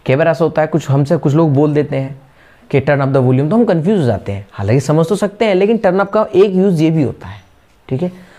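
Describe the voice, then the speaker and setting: A man's voice: fairly high pitch, animated, mellow. Indian male English teacher, patient explainer. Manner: explains patiently, repeats example phrases slowly. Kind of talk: spoken English lesson.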